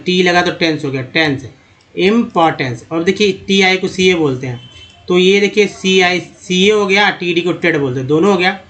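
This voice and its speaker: Over a screen-based lesson, a man teaches English pronunciation in a high, fairly bright voice. He speaks slowly, spelling out letters and repeating words.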